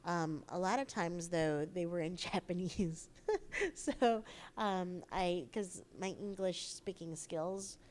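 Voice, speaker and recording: A woman with a slight cold, chatting as an interview guest, bubbly and excitable with lots of fillers. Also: lowish voice, slow pace. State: has a cold. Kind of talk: convention interview chat.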